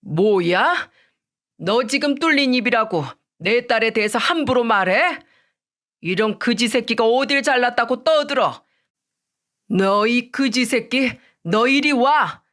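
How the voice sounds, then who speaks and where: Woman performing an arrogant wealthy in-law father, rude and scornful, shouting. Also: on the high side, measured pace. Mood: contemptuous. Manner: shouting insults, contemptuous. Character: arrogant rich man, future in-law, rude.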